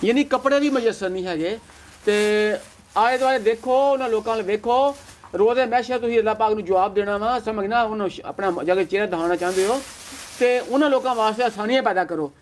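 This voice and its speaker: On a charity visit, this Pakistani man gives out aid while sincerely repeating words of reassurance for his vlog. He speaks quickly in a high voice, and the recording has a little hiss or hum.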